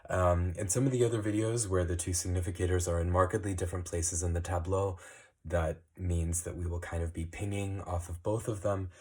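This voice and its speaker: A deep-voiced tarot reader, still sniffly from a cold, gives a monthly astrology card reading. His tone is steady and darkish, and he takes his time with plenty of ums and uhs.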